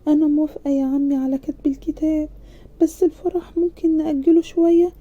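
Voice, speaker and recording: A bashful young bride with an Egyptian accent, pleading in a raised, rapid voice, as a woman storyteller puts her on. The tone is dark and mellow, and the recording sounds dull. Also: high-pitched, fairly even intonation, pitched above the performer's own voice, close to an everyday voice. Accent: Egyptian Arabic. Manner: shy, pleading. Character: young shy female high-school student bride.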